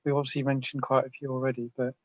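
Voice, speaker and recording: A man's voice: medium pitch, completely flat delivery, very fast, no echo. Man asking questions, lo-fi sound. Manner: asks questions, steers the talk. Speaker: podcast co-host. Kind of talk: casual chat. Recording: dull lo-fi audio.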